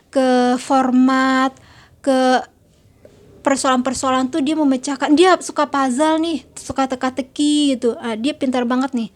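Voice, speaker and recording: High-voiced woman giving a parenting talk. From Indonesia. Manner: chatty, acts out quoted lines. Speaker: parenting speaker.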